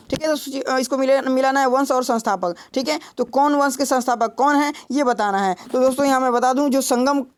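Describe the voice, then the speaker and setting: A man's voice: very high voice, smooth. A young man teaching an exam-prep history lesson, explaining step by step, asking rhetorical questions and checking in with "ठीक है" again and again. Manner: explanatory, repeats "ठीक है" and "दोस्तों" constantly; builds memory tricks with rhetorical questions.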